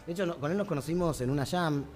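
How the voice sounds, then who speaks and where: A man's voice: fairly high pitch, racing, a little mellow, soft background music. A man with an Argentine accent, a musician guest chatting casually and laughing often at himself. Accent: Argentine Spanish. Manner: self-deprecating, laughs often. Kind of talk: casual chat.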